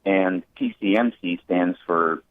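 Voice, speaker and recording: Radio call-in guest: low-voiced man on a tinny phone line, halting and filler-heavy, dry sound. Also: no room sound. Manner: hesitant, with many fillers and restarts. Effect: heard over a phone line. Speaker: radio show caller. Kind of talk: calling in with a car question.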